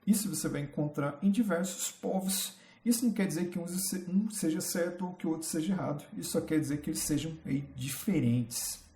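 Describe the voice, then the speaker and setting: In a roomy, echoing space, a Brazilian Portuguese-accented man teaches history casually, chatting, asking rhetorical questions, and pausing to appreciate his slides. He has a warm, fairly high-pitched voice.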